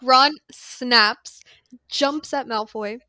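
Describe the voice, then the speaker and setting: High-voiced young woman retelling a story. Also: drawn-out words, dry recording, studio quality. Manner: animated storyteller who acts out characters' lines. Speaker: podcast co-host. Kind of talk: casual book-club chat, retelling the plot.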